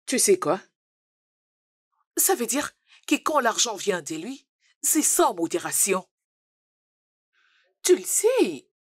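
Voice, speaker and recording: A brazen, self-assured young mistress in a dubbed drama. Her pitch swings freely as she talks with flippant boldness, recorded dry and close. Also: very animated, slow pace, pauses often, slightly rough, no room sound, exaggerated voice. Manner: flippant, bold.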